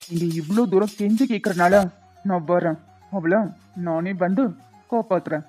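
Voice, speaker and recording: A woman's voice: lowish voice, normal speed, a little mellow, faint music behind, close to an everyday voice. A woman voicing a calculating young man who speaks in dry, sardonic lines in a cartoon. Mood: cold. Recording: tinny phone-like dry recording.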